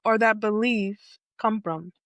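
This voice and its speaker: A woman's voice: mid-range voice, takes it slowly, fairly bright tone, dry recording. A woman hosting a podcast interview, asking probing follow-up questions and affirming often. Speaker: podcast host. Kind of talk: conversational interview.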